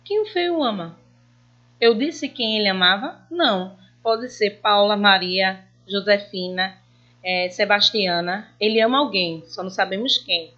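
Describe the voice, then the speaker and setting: A woman teacher, giving a lesson to primary school children, patient and reading examples with drawn-out emphasis. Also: mid-range voice, sharp tone, highs cut off.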